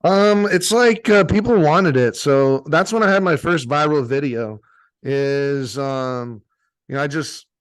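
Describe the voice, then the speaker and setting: A young adult man, a meditation teacher appearing as a guest, chats casually in an interview. His voice is a little high and his pace a little slow. He leans heavily on "like" and swears a lot.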